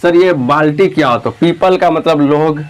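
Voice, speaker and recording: A man's voice: a little high, normal speed. A young man teaching an exam-prep lesson, putting students' questions to himself and answering them, reassuring and casual.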